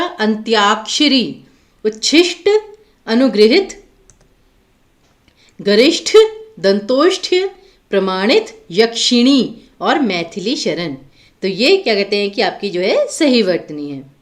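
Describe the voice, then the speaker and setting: A woman teacher giving an online grammar lecture for exam preparation, patiently explaining and asking the students rhetorical questions. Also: a little high.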